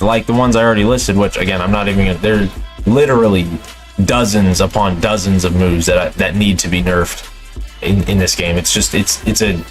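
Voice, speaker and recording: A young man in an unscripted, exasperated, profanity-laced rant about a video game, speaking as a gaming commentator. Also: on the low side. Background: music.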